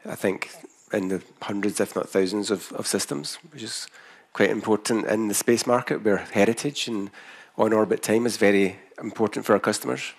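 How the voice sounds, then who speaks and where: A man's voice: fairly low pitch, normal speed, vocal fry, husky. A man with a broad Scottish accent giving a business presentation as a company founder, speaking carefully so listeners can follow. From Scotland.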